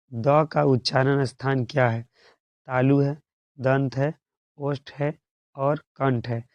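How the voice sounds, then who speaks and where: Male tutor, mid pitch, repetitive question-and-answer drilling for exam prep, dry and dull lo-fi audio. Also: a little mellow, no room sound. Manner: repetitive call-and-response drilling, asks questions and answers them. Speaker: teacher. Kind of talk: exam-prep grammar lesson.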